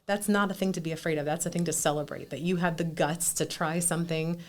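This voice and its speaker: Animated, candid woman in her forties. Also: low-pitched, fast talker. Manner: animated, candid, self-deprecating storyteller with frequent restarts. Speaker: restaurant owner, podcast guest. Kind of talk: conversational interview.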